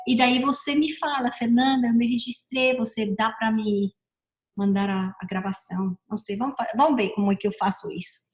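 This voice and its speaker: Brisk and mid-range in pitch, a middle-aged woman gives a casual motivational talk as a personal development speaker. She's chatty, frequently repeating and correcting herself, and the room echoes.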